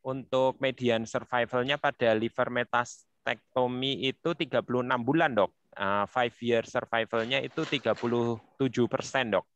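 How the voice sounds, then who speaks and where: A man's voice: mid-range voice, steady tone, normal speed, few pauses, a bit bright, dry recording. A male doctor on a remote video call whose audio keeps breaking up and dropping out, speaking hesitantly with many fillers and polite deference. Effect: breaking up, choppy call audio dropping out. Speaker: doctor on a medical panel. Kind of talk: online panel discussion. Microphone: remote video call, then phone. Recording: dull dry call line.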